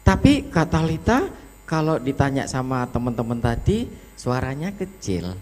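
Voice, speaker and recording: A male judge talks a young contestant through her performance, his pitch rising and falling with plenty of life. He is affectionate and animated, and he acts out lines himself to show how they should be delivered. His voice sits at an everyday middle pitch. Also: normal speed. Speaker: competition judge. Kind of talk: spoken feedback to a child contestant. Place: school storytelling competition venue.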